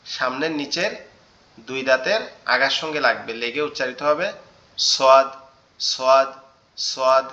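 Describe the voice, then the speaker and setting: A man's voice: medium pitch, bright, forceful tone, roomy sound, muffled recording. A male teacher giving an online class, explaining where sounds are made and repeating each letter sound in drills, often checking "okay?". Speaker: Quran teacher.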